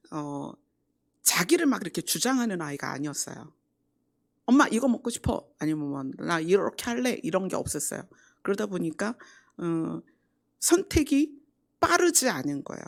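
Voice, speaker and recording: A middle-aged woman pastor giving a conversational sermon at a Friday prayer meeting, acting out quoted lines and dropping into soft asides. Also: fairly low pitch, creaky. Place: church sanctuary.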